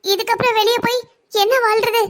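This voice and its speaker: A woman voicing a weary woman who has been trapped for years, warning softly and with resignation in a cartoon story. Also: extremely high pitch, fairly even intonation, fairly quick. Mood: resigned. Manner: gentle, hushed, resigned warnings.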